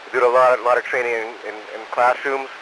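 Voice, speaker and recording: A man, an astronaut, answering questions in an unscripted, halting way over a space radio transmission. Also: mid-range voice, fairly even intonation, fairly bright tone. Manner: halting, saying "over" after each answer. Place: aboard the space station. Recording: noisy space-to-ground radio link.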